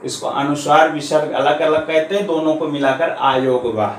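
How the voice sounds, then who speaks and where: In an echoey room with a faint hum in the background, a man with a slightly high voice and fairly even intonation teaches a grammar lesson. He patiently works through each point, slowly repeating the key terms.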